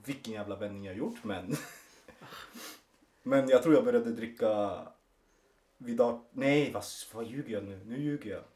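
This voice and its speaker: Easygoing young man, mid-pitched. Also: pauses often. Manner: relaxed, self-mocking anecdotes. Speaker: podcast co-host. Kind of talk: casual chat.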